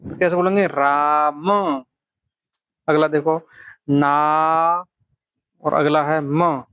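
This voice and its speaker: Slow, patient male phonics teacher. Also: fairly high pitch, fairly even intonation, clear, resonant tone, no echo, dull audio. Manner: slow, drawn-out syllables, coaxing children to repeat aloud. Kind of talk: children's Hindi phonics lesson.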